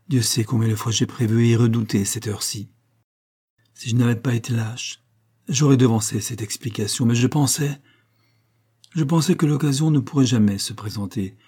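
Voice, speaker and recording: A man's voice: mid-range voice, mellow, slightly rough, lightly acted. A man reading an audiobook, voicing a nineteen-year-old woman who trembles and pleads as she guards a secret. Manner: trembling, pleading, slightly raised voice.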